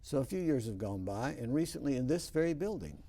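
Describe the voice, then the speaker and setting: A man's voice: mid-range voice, very animated, a little fast, warm tone. A man hosting a TV interview show in a studio, telling homespun stories in a folksy way. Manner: folksy storytelling. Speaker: host.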